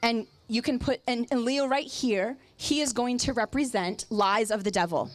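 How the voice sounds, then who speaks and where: A high-voiced woman preacher works through a sermon illustration at normal speed, speaking emphatically and returning to phrases to drive them home. The recording is dry, with little room sound and no echo.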